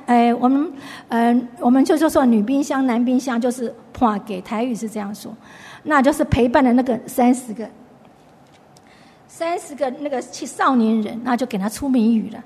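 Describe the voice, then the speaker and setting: A woman's voice: fairly high pitch, darkish tone, slightly rough, in a large hall. A woman giving a chatty Bible lesson, retelling the story and restarting her sentences often. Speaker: Bible study teacher. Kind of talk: conversational Bible teaching.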